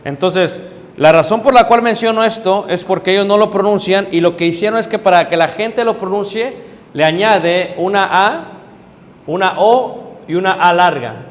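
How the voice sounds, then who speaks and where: A middle-aged man, a preacher, teaching a Bible class, explaining step by step, checking in with his listeners and pausing on hesitant fillers. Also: sits high. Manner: hesitant fillers while searching for words. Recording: reverberant hall with faint background noise.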